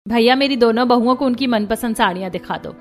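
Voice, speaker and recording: A woman voicing a scornful middle-aged mother-in-law in a cartoon story, sharp and mocking. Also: on the high side, quick pace, natural voice. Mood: kindly. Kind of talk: cartoon voice acting.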